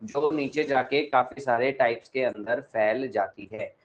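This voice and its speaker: A young man with a north Indian Hindi accent teaching an online class, teasing and scolding his students between explanations, swinging between loud and soft. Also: medium pitch, a little slow, lo-fi sound. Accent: Hindi-speaking north Indian.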